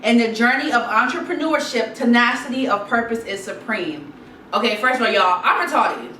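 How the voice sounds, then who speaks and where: A Guyanese girl vlogs for YouTube in a casual sit-down advice chat, speaking at normal speed in a kinda high voice. She's animated and chatty, repeats herself, and reads quotes aloud. The mic sits slightly distant, leaving a roomy echo and faint noise.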